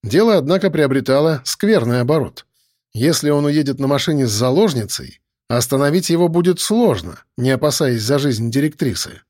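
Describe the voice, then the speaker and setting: A man narrating a first-person audiobook in a brisk, wry storytelling manner. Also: medium pitch, lively intonation, darkish tone, no room sound, studio quality.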